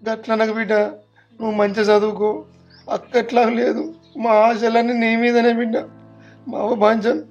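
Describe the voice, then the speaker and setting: A man's voice: very high-pitched, lo-fi sound. An actor with a Telangana Telugu accent playing a remorseful father who drinks, pleading and coaxing with his daughter. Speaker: actor in a family web drama. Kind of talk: dialect family drama acting.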